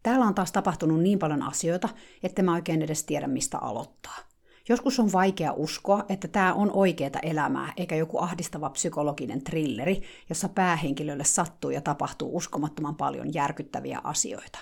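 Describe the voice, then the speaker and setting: A woman's voice: low voice, gravelly, darkish tone, breathy edge. A woman telling a dramatic first-person diary story in a confiding, casual way.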